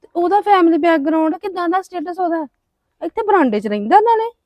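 A woman's voice: very high voice, lively intonation, fast talker, a little mellow, dry recording. A young woman playing a blunt friend who quizzes and scolds her friend. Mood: quizzing. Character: blunt, nosy female friend.

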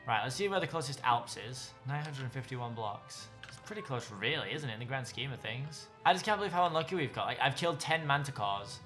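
A young man giving excitable let's play commentary, gushing over and talking to the animals in his game. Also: medium pitch, a little fast, faint music behind. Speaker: gaming YouTuber.

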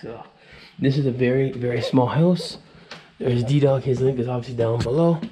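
With a relaxed manner, a man in his thirties narrates a walkthrough of an abandoned house for his vlog, addressing viewers directly. He speaks in a mid-range voice at normal speed, and crowd noise is audible. His handheld camera mic records echoey, empty rooms with faint noise.

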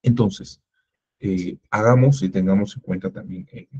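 A man's voice: on the low side, measured pace, creaky, warm tone, breathy edge. A man teaching an entrepreneurship workshop, asking rhetorical questions and acting out little everyday dialogues. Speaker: workshop instructor. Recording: muffled lo-fi recording.

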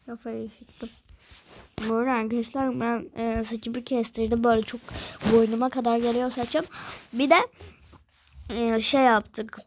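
A young woman with a hoarse voice, commenting casually on her game play and complaining aloud to viewers whenever things go wrong. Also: a little high, background noise. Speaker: gameplay video maker.

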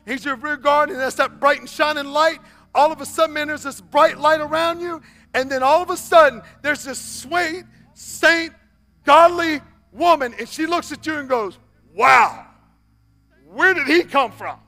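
Unhurried and very high-voiced, a man in his forties preaches a sermon from a church stage. He swings between raised, exhorting passages and soft appeals close to a whisper.

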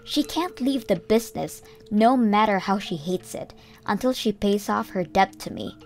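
Reading from a script, a woman tells a first-person story in an earnest, animated way. Her pitch sits in the middle and her pace is moderate, with soft music playing underneath.

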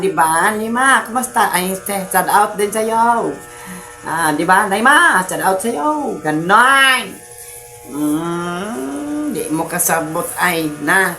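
A woman vlogger, chatting casually and teasingly while giving shout-outs to viewers. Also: medium pitch. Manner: chatty, teasing, giggly asides.

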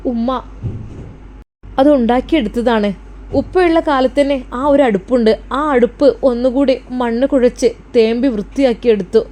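A woman's voice: high voice, warm tone. A woman storyteller with a Malappuram Malayalam accent, earnestly narrating a religious family story and speaking to her listeners. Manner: earnest, emotive, addresses listeners directly.

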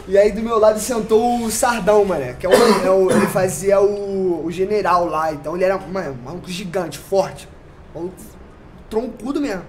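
Animated Brazilian man telling a story. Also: high-pitched, a little fast, over a noisy crowd. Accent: Brazilian Portuguese. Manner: animated, full of slang and sound effects. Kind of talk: casual podcast storytelling.

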